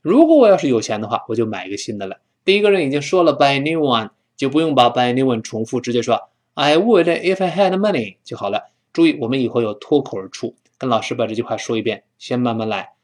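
Man, Mandarin native, English teacher, lively pitch, slow repeated sound drills. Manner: repeats sounds over and over for students to copy; fillers and restarts when explaining. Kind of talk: English pronunciation lesson.

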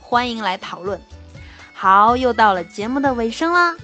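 Playful high-voiced woman hosting a comic talk show. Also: lively intonation, moderate pace, pushed and bright, faint music behind. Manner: playful, chatty, laughs at her own jokes. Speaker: host. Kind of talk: light comic monologue.

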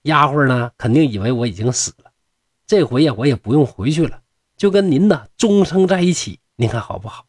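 A man's voice: medium pitch, animated, a little fast, dry recording, clean studio sound, natural voice. A man voicing a young fox-spirit woman who speaks sweetly and earnestly.

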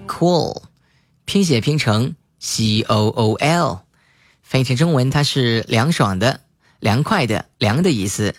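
A man teaching English vocabulary, spelling words letter by letter and repeating example sentences slowly. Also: medium pitch, lively intonation, dry recording. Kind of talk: spoken English lesson.

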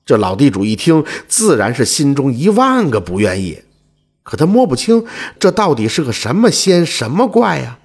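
Guy telling an old folk story, animated, a bit husky. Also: mid-range voice, normal speed. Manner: lively, animated.

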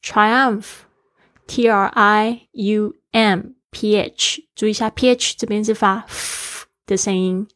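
A woman's voice: mid-range voice, steady tone, slow, fairly bright tone, no echo. Woman, english teacher, encouraging, spells words out, dry close sound. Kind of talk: daily English lesson.

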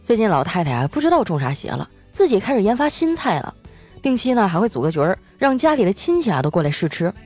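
A playful young woman tells comic stories from her own life, laughing often as she goes. Her pitch is very lively, and faint music plays underneath. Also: fast. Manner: playful, giggly. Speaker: podcast host. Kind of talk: comic storytelling.

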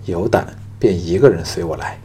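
A man voicing a cunning young male soldier who speaks calmly and curtly in an audiobook. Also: low-pitched, normal speed, a little hiss or hum.

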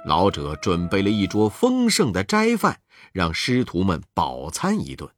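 Expressive slow storybook narrator. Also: sits low, no room sound, studio quality, soft background music.

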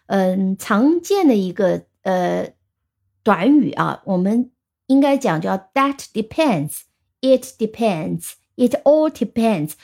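A woman teaching vocabulary, explaining patiently and reading the example sentences slowly. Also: mid-range voice, vocal fry, warm tone. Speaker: English teacher. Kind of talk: vocabulary lesson.

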